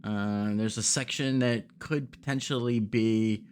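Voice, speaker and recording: A man narrating a tabletop game as game master, halting and often correcting himself as he describes things. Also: lowish voice, fairly even intonation, darkish tone. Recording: faint background noise.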